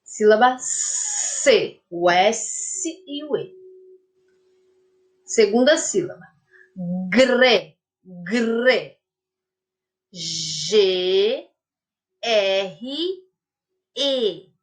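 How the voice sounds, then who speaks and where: Slow, patient woman teacher dictating letters. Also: medium pitch, sing-song. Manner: uses many diminutives and checks in with "tá?". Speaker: primary school teacher. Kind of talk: remote class lesson for young children.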